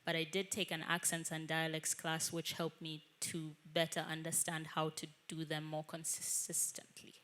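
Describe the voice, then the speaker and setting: A young actress speaks as a guest in a casual interview. She is articulate and animated, with a bright, forceful tone. Her voice sits slightly low for a woman. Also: normal speed, few pauses. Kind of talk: conversational interview.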